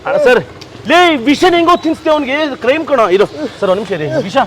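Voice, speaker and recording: High-voiced man shouting urgent commands outdoors. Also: expressive, very fast. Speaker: prankster host. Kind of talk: street prank, loud staged alarm. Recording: street noise clearly behind.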